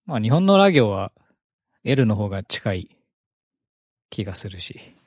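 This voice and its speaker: Low guy co-hosting, chill short replies, lively pitch, dry sound. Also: unhurried, dry recording. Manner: easygoing, short agreeing replies with light laughs. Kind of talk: casual chat.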